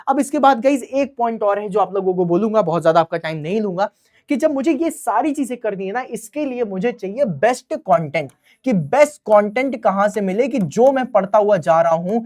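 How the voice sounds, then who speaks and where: A man's voice: high voice, darkish tone. A young man teaching a live online exam-prep class, chatty and keeps checking in with his students.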